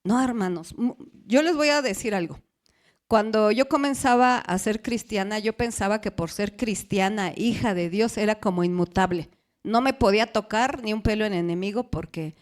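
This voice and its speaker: A middle-aged woman pastor preaches. Her voice sits at a medium pitch. She keeps asking the congregation questions and draws out the words she wants to stress. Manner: asks the congregation questions, stretches key words. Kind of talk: sermon.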